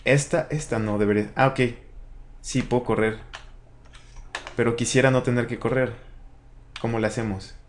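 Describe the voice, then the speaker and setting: A man's voice: mid-range voice, steady tone, moderate pace, pauses often, a little hiss or hum. A young man with a Mexican accent giving casual let's-play commentary, chatting to his in-game companion and viewers and swearing casually. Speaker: gaming channel host.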